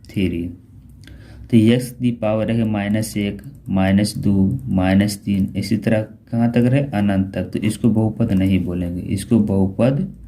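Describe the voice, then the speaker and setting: Math teacher guy, slow and mellow, keeps asking then answering himself. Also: on the low side, slight background noise. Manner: asks questions and answers them himself, repeats key terms. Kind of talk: classroom-style lesson explanation.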